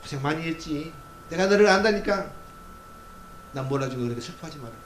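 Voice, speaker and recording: God in a sermon, a soft fatherly male voice, as a preacher puts him on. He speaks gently, lower and quieter than the surrounding preaching. The sound is roomy, with a faint hum underneath. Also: expressive, a little fast, lightly acted. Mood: tender. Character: God, a tender fatherly male voice comforting believers.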